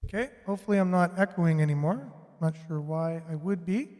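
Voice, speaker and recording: A man's voice: high-pitched, a little fast, a little mellow. A man hosting a casual livestream, his mic echoing so he sounds like he is talking through a pipe. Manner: chatty, greets viewers by name. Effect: echoey, like talking through a pipe. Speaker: livestream show host. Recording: echoing mic with long reverb.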